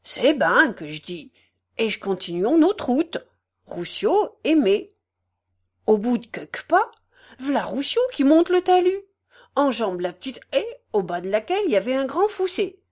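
Brief: woman reading as a loud, drawling male peasant in court, rustic dialect, slow and lilting. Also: high-pitched, huge pitch swings, voice pushed up, heavily acted. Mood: rambling.

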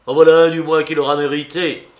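A man reading aloud, voicing a young man in anguished, loud outbursts. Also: a little high, expressive, moderate pace, lo-fi sound, pitched above the performer's own voice. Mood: furious. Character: young man, heartbroken and hot-tempered.

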